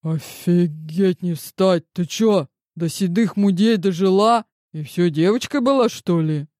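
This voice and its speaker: A woman reading an audiobook voices a brash, scheming, foul-mouthed woman friend who talks fast and bluntly, dry and close. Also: lowish voice, dark tone, no room sound, natural voice. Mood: incredulous.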